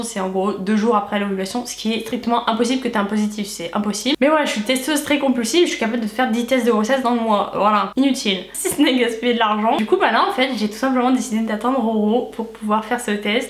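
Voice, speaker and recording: A young woman chatting casually to viewers in a storytime vlog, with a stuffy, nasal voice and a lisp from wearing retainers. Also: a little high. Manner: chatty, candid, slangy asides. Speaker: vlogger. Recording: echoey room.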